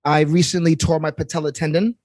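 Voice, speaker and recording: A man, co-hosting a casual podcast chat, joking and animated. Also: on the high side, a little fast, dry recording. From New York, Queens. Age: 30s. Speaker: podcast co-host.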